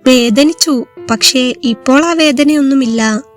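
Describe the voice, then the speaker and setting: A woman reading the lines of a tender young husband in a story, speaking softly and affectionately. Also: very high-pitched, unhurried, soft background music. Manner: soft, affectionate speech.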